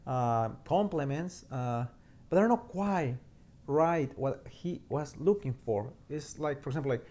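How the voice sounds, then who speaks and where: A man's voice: a little high, expressive, measured pace, warm tone. A priest from Mexico, speaking a short homily in an earnest way, often repeating words as he searches for them.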